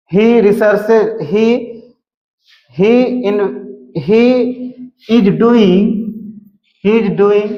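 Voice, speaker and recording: A man teaching English grammar, explaining slowly and repeating words as he writes out examples. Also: high voice. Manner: slow, repeats words while writing examples. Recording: echoey room, dull lo-fi sound.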